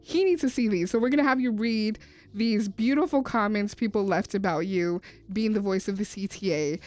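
A woman's voice: medium pitch, normal speed. A woman hosting a casual radio interview from a studio. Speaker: radio host.

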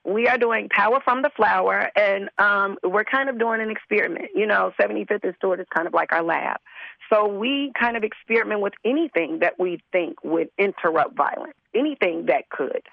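A hoarse woman who is under the weather, speaking as a community organizer in an earnest, repetitive casual interview manner. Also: mid-range voice, fairly quick, no room sound, dull audio. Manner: earnest, repeats words as she talks.

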